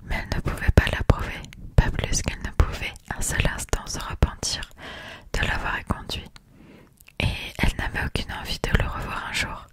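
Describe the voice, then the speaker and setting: A reader whispering a classic novel in a soft, unvoiced ASMR style, as a scripted literary narration. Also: moderate pace.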